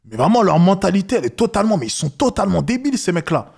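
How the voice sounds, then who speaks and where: Man, fairly high voice, scornful reaction commentator, lecturing tone, mocks freely. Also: sing-song, racing, vocal fry, darkish tone, husky.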